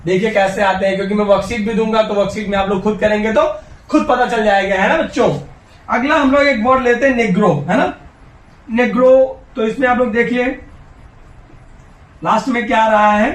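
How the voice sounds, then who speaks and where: Guy teacher with a high voice, keeps asking and answering his own questions, kinda far from the mic. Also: fairly even intonation, a little fast. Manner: coaxing and encouraging, addresses children directly. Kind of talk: classroom-style English grammar lesson. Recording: echoey room, voice from a distance.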